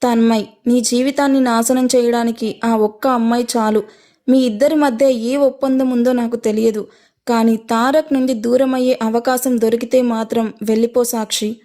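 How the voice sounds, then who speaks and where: A woman voicing a calm, knowing young woman giving a warning in an audio story. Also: fairly high pitch, moderate pace, close to an everyday voice.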